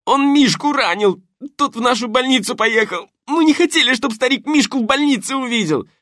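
Male narrator doing a cornered young thug, screeching high and loud, dry close sound. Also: animated, very slow, creaky, no room sound, exaggerated voice. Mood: yelling in pain. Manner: shrill, yelling desperately. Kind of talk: audiobook character voice.

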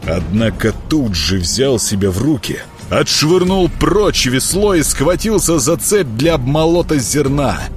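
A man reading a fantasy audiobook, storytelling with lively delivery. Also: mid-range voice, unhurried, faint music behind. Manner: lively storytelling, voicing characters. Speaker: narrator. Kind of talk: audiobook narration.

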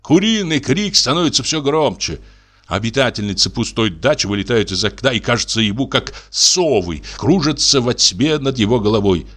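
A man calmly narrating a classic short story as an audiobook. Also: mid-range voice, moderate pace.

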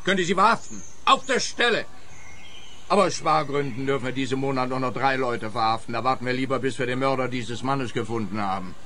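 An actor playing a petty, exasperated police detective in a radio crime comedy, with a sarcastic, blustering manner. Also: male voice, mid-range voice, sharp tone, a little hiss or hum, natural voice.

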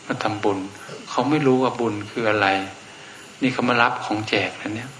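A man's voice: mid-range voice, fairly even intonation, normal speed, a bit bright. A man, a Buddhist monk, giving an informal Dharma talk in a blunt, outspoken way. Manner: blunt and outspoken, with frank everyday speech. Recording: echoey room with faint noise.

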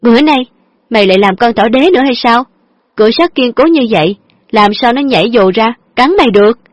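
A woman's voice: fairly high pitch, lively intonation, fairly quick, dry recording, pitched above the performer's own voice. A woman voicing a cheeky, teasing young friend. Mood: mocking.

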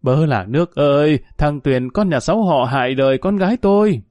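A man voicing a shrill, spiteful older village woman who screeches abuse. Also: normal speed, darkish tone, no room sound, natural voice. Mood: shrieking abuse. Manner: screeching, abusive.

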